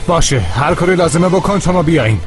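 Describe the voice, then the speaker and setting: An actor playing a hurried, purposeful man taking charge in a television drama. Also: fairly high pitch, expressive, over loud music, natural voice.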